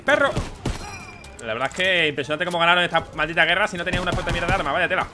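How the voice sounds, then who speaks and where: Excitable Spanish gamer, lively voice. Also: male voice, high voice, racing, background noise. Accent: Spain Spanish. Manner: excitable, swears often, yelps at the action. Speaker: gaming streamer. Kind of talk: let's play commentary. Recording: game music behind.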